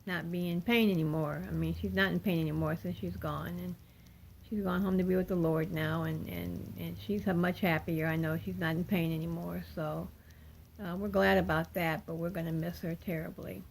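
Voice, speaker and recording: An older woman talking without her dentures, with soft toothless articulation, in a rambling, apologetic casual update to viewers as a craft vlogger. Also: fairly low pitch, fairly even intonation, moderate pace, creaky, slight background noise, rough recording. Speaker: cross-stitch vlogger.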